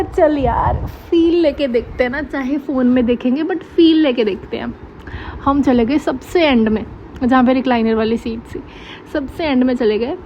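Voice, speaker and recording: A young woman telling a college story in a casual storytime, chatty and animated, acting out the dialogue. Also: sits high, dull audio, slight background noise. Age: young adult.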